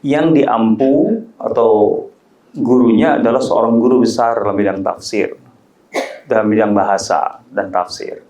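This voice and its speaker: A man's voice: fairly low pitch, unhurried, long pauses, a little mellow. A man, giving a conversational, joking religious talk that climbs to emphatic peaks. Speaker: Islamic preacher. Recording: roomy echo.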